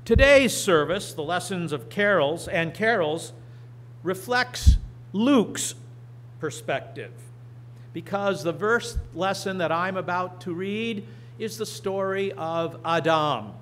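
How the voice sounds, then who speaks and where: A middle-aged man preaching and reading scripture from a church lectern, slow and deliberate with emphatic rises. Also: sits high, animated, fairly bright tone, slight background noise. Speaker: pastor. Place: church sanctuary. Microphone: lectern microphone.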